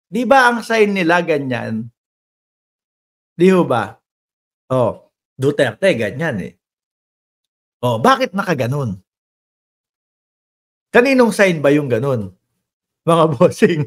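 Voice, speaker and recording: A man giving casual, mocking political commentary, laughing often and jumping between loud chants and low asides. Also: sing-song, slow, pauses often.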